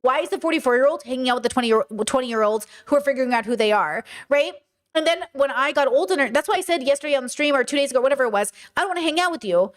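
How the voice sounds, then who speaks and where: A woman in her thirties hosting a stream speaks in a high voice with lively intonation, racing through her words. She rants bluntly and swears freely while reacting to chat in casual commentary.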